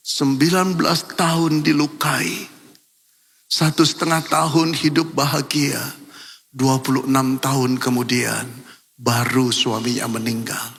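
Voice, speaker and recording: An older man preaching a sermon as pastor, telling a story and moving between hushed and emphatic passages. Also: fairly high pitch, vocal fry, husky. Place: large church hall. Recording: long church hall reverb.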